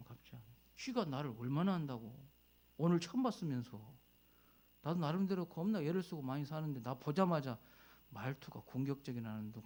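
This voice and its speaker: A male pastor delivers a sermon, sharing a personal story conversationally. He climbs to loud, emotional peaks and sinks to near whispers, and his voice is a little high.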